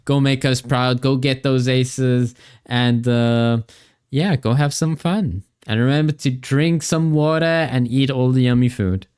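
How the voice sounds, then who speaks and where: Man, livestream headset audio, casual streamer chat, medium pitch, smooth clean tone. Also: steady tone, unhurried, darkish tone. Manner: chatty, rambling, upbeat. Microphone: livestream headset mic.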